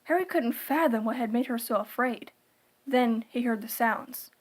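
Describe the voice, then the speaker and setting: A woman narrating a scripted horror story in a deliberate, dramatic storytelling manner. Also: a little high.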